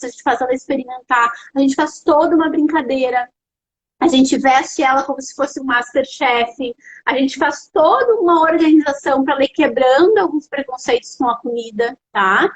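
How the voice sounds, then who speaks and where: A young adult woman with a Brazilian accent hosting a live stream as an educational psychologist, explaining parenting tips to viewers in an animated, direct way. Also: high-pitched, lo-fi sound. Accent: Brazilian Portuguese. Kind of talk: casual live-stream advice talk.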